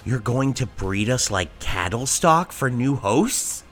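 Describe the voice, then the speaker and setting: Casting: actress for a sarcastic survivor sidekick woman in audio drama, low pitch with lively, exclamatory swings. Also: takes it slowly, soft background music, heavily acted. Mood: defiant, sarcastic. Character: wry, sweary survivor sidekick, incredulous.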